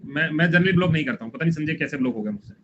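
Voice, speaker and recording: Man, teacher, rapid memory-trick drilling, slightly high voice, dull lo-fi audio, faint hiss. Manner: quick, repetitive memory tricks, coaxing students along. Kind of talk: live online exam-prep class.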